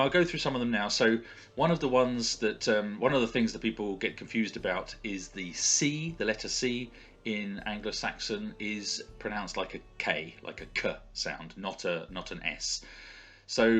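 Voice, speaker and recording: A man giving an informal explanatory talk as an author going through pronunciations, in a hesitant, halting manner as if thinking aloud. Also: deep voice, fairly bright tone.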